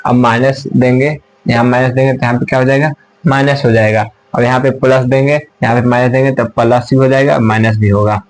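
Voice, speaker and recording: A male teacher explains rules step by step at a whiteboard. He keeps repeating himself, asks the class questions, and answers them himself. His voice sits at an ordinary middle pitch and now and then drifts farther off as he turns to the board. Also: steady tone, a little fast, low-quality recording.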